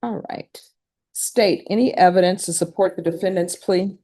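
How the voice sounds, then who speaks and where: A woman's voice: fairly low pitch, mellow. Woman judge in a courtroom recording. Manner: measured, reads legal questions in set wording. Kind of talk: formal court proceedings.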